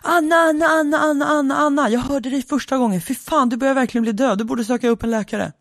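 The podcaster voicing an exasperated elderly wife who shouts back in a high, irritated voice while telling a joke. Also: steady tone, dry recording, studio quality. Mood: irritated shouting.

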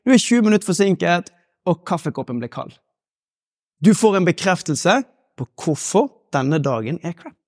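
A man giving a live motivational talk to an audience, leading a guided exercise with slow, measured pauses. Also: high voice, big pitch swings, darkish tone, no room sound, studio quality. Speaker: motivational speaker.

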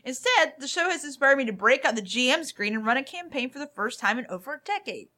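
Brief: podcast co-host, lively swooping voice, playful read. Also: female voice, high-pitched, fast talker. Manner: playful, laughing. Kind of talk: casual podcast chat, reading listener reviews.

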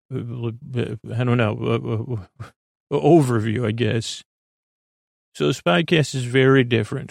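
A sleep podcast's middle-aged host talks in a mid-range, creaky voice, rambling through a bedtime monologue. He keeps breaking off with uhs and restarts as he follows tangents, recorded dry and at studio quality.

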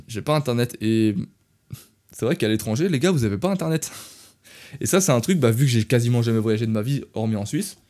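Young guy telling a travel story on his podcast, chatty and animated, normal pitch. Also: brisk. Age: young adult. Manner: animated, talks straight to listeners. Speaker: podcast host.

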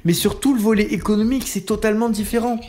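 A man's voice: high voice, fairly even intonation, fast, a little mellow. A man in casual heated debate on a live show, stumbling over restarts and fillers. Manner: hesitant, many restarts and fillers. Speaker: guest on a live talk show.

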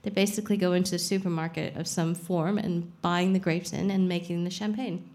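A woman's voice: fairly low pitch, fairly even intonation, brisk, darkish tone. A young adult woman, a champagne expert guest on a live podcast, explaining frankly and casually, swearing now and then. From Saudi Arabia.

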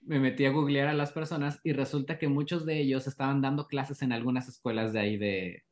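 A man with a Mexican accent, a guest on a podcast, telling lively anecdotes and acting out the dialogue in them. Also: mid-range voice, fairly quick. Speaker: animator guest. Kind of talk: casual podcast interview.

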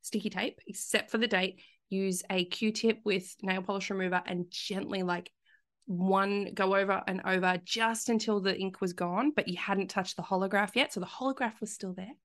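A woman's voice: medium pitch, steady tone, moderate pace. A woman telling a story in a casual podcast chat, laughing often. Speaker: podcast guest.

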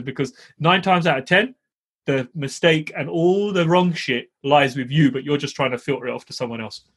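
A middle-aged man co-hosts a podcast in a fairly high, slightly bright, husky voice, chatting casually and dishing out slangy advice to listeners. He's blunt and emphatic, tossing in slangy tags and swearing.

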